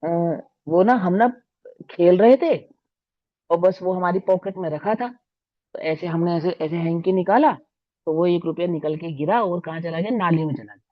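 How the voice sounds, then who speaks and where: A man's voice: high voice, normal speed, dry recording, lo-fi sound, close to an everyday voice. A man voicing a cheeky, sulky eight-year-old boy who makes defensive excuses. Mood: excusing.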